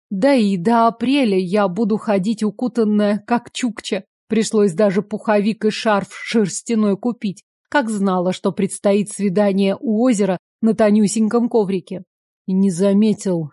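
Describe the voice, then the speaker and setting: Woman story reader, first-person narration, warm and confiding. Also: medium pitch, dry recording, studio quality.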